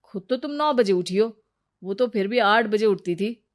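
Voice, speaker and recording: A woman's voice: medium pitch, expressive, moderate pace, natural voice. A woman doing a nagging cartoon husband. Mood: insistent. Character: bossy young husband, scolding his wife. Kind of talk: cartoon voice acting.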